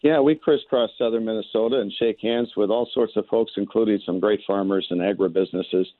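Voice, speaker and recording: Man, American accent, fairly low pitch, political interviewee, folksy stump phrasing, narrow phone-line sound. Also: fairly even intonation, fairly quick, no echo. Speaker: political candidate, radio guest. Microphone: telephone.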